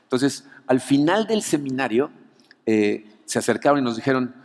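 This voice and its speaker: A male pastor with a Mexican Spanish accent, preaching an anniversary sermon as an animated storyteller who keeps adding "¿no?" to his lines. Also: medium pitch, normal speed. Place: church auditorium. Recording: long reverb of a church hall.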